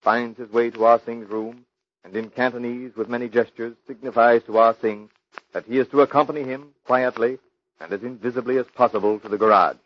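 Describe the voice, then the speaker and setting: A man's voice: mid-range voice, steady tone, brisk. A man narrating a scripted radio drama in the storytelling style of an old broadcast. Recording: dull lo-fi old radio recording.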